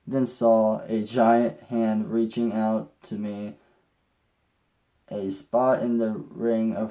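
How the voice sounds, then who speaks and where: A man's voice: lowish voice, muffled recording. A young man telling a personal story in a rambling way, with restarts and mild swearing. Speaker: vlogger.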